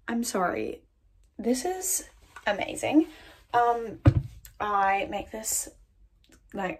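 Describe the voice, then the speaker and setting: A woman's voice: medium pitch, breathy edge. A young woman vlogging casually into a handheld phone, chatty and confiding, laughing at herself. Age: young adult. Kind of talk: casual vlog chat. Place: home kitchen and city streets. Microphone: phone camera held close.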